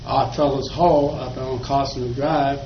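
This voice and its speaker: An older man from Virginia, speaking as an oral history interviewee, unhurriedly tells folksy childhood stories and chuckles along the way. His mid-range voice keeps a steady tone and runs a little slow. Expect faint noise, an echoey room, and dull lo-fi quality.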